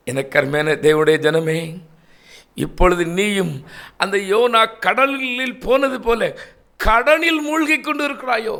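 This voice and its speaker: A man preaching an emotive sermon, swinging between loud pleading and hushed tones and repeating phrases for emphasis. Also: very high voice.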